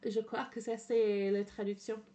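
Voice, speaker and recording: Warm and level in tone, this woman's mid-range voice moves at a measured pace as she does casual streaming commentary in French. She's from England, keeps her English accent, hesitates with many "euh" fillers, drops in English words and laughs a lot.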